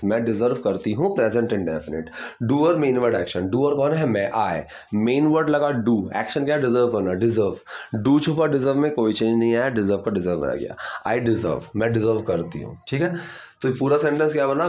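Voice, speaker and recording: A man with an Indian accent teaching English grammar in Hindi, asking and answering his own questions and reading English examples slowly. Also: medium pitch, a little mellow. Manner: breaks sentences into parts, asks and answers his own questions.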